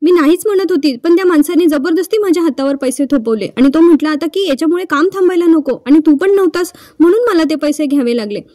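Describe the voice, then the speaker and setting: A woman voicing a meek young woman from a TV serial who pleads and apologizes softly. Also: high-pitched, expressive, fast talker, hardly any pauses, no echo, studio quality. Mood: pleading, apologetic.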